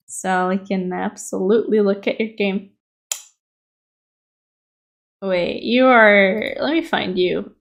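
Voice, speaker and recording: Woman chess streamer, lively sing-song delivery, slow and unhurried, giggles easily. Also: medium pitch. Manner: easily amused, breaks into giggles, chatty asides to viewers. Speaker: chess streamer reviewing viewers' games. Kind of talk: casual livestream game analysis.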